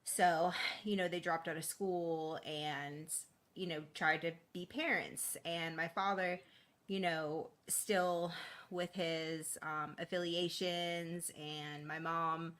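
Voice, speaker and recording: A woman's voice: low-pitched, fairly even intonation, takes it slowly, a bit bright. A woman guest raised in East Boston, talking candidly in a casual interview, with plenty of fillers and laughs. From East Boston, Massachusetts.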